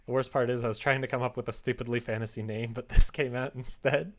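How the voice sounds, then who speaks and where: A man with a medium-pitched voice and fairly even intonation talks fairly quickly during a live creative-writing stream. He rambles casually and thinks aloud, clearly amusing himself.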